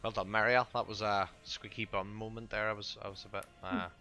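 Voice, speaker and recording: A man's voice: fairly low pitch, flat delivery, fairly quick, over music. A man narrating a tabletop game as game master, improvising with hesitant, chatty asides.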